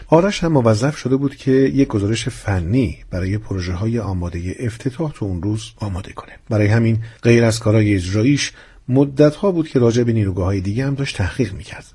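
A man narrating a story in a steady, storytelling manner. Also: on the low side, husky.

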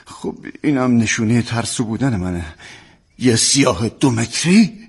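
Brief: a husky, tormented preacher dad, stammering and full of guilt; dubbed drama. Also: male voice, medium pitch, expressive. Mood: guilty despair. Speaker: dubbing actor.

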